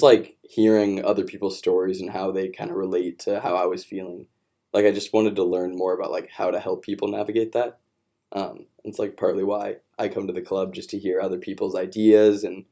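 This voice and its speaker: Young man with a low, dark voice. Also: vocal fry. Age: young adult. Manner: relaxed, rambling with "um" and "like". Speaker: student-athlete. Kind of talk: casual podcast chat.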